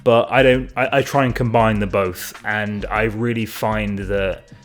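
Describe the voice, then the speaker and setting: A man's voice: lowish voice, fairly even intonation, measured pace, faint music behind. A man chatting casually to camera as a fashion vlogger, self-mocking and sweary, often trailing off and restarting his sentences. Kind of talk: casual rambling chat to camera.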